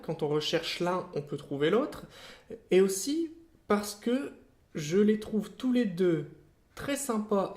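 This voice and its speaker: A channel host giving a casual product review, often pausing to search for words and correcting himself mid-sentence. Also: medium pitch, darkish tone. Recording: roomy, echoey room sound.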